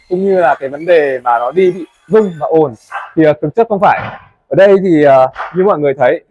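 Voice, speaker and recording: Young man, site tour presenter, rapid chatty delivery, slightly high voice, dry close lapel sound. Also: darkish tone, dry recording, dull audio. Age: young adult. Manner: fast, chatty, addresses viewers as "mọi người". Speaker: company presenter touring a build site. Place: indoors in a large wooden café under construction. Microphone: lapel mic.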